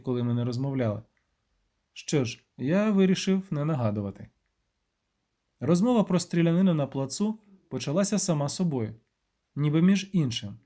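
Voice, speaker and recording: A man narrating a first-person audiobook in a measured, wry way. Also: fairly high pitch, lively intonation, warm tone.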